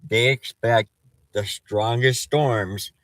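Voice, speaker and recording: A man with a whistle on his S sounds gives casual, halting weather commentary as a storm chaser, thinking aloud as he reads. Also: mid-range voice, steady tone, fairly bright tone, no room sound. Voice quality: whistling S sounds from false teeth.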